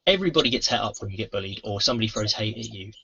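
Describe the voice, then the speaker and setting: Bright, husky man explaining earnestly. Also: on the low side, expressive, rapid-fire. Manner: earnest, explanatory, acts out quoted lines. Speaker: anti-bullying trainer, podcast host. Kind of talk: casual convention interview chat. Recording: muffled lo-fi convention recording.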